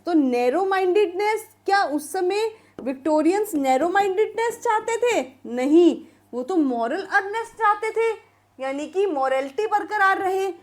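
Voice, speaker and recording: A woman teaching an exam revision lecture, reading each question out slowly before she explains the answer. Her voice sits high and her pace stays unhurried. She addresses her students fondly as she walks through each option. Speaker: English literature teacher. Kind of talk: exam revision lecture, mixing Hindi and English.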